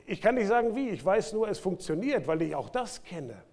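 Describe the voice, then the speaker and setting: Male pastor, slightly high voice, animated sermon delivery with big swings in volume. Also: brisk. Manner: lively preaching with sudden loud bursts and quiet drops. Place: church.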